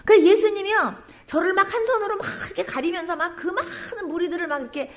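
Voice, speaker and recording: A woman's voice: very high-pitched, quick pace. A woman pastor giving an emotional testimony sermon, telling her story with exclamations and dropping at times to a whisper.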